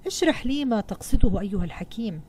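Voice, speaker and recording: A woman's voice: on the high side, lively intonation, fast talker, darkish tone, a little hiss or hum, close to an everyday voice. A woman reading as a proud chief merchant. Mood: demanding. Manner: questioning, impatient.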